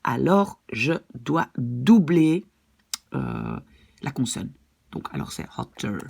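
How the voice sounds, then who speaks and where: A woman's voice: a bass voice, huge pitch swings, slow, vocal fry, darkish tone, slightly rough. A woman language teacher patiently explaining grammar rules and often checking that her students follow.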